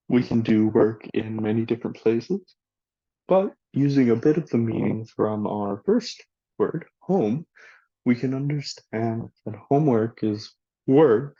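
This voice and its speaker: A man giving a recorded language lesson, speaking slowly and deliberately and reading example sentences for the listener to repeat. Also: medium pitch, dark tone, breathy edge, dry recording, muffled recording. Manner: slow, deliberate teacher talk with spoken examples for the listener to repeat. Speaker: student presenter teaching a language lesson. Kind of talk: recorded classroom presentation.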